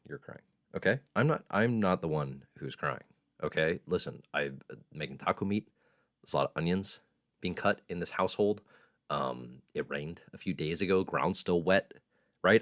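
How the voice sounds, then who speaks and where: Low-voiced guy in his 30s rambling on a home live stream, dry close sound, jokes about himself. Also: fairly bright tone, no echo. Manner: rambling, self-mocking jokes. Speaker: host. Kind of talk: casual live stream chat. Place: room at home.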